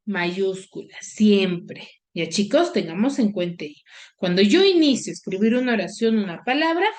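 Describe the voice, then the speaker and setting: A woman teacher leads a lesson over a video call, and she speaks at a slow, unhurried pace. Her voice sits at an ordinary middle pitch for a woman. She lays out each point patiently and keeps checking in with her pupils through quick questions. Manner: checks in constantly with short questions; explains slowly, questioning pupils. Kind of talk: online class lesson.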